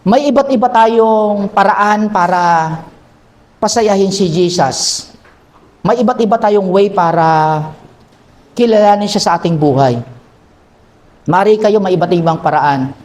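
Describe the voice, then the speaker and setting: Pastor, male, high voice, lively sermon in church. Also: measured pace, long pauses. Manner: animated storytelling, acts out characters.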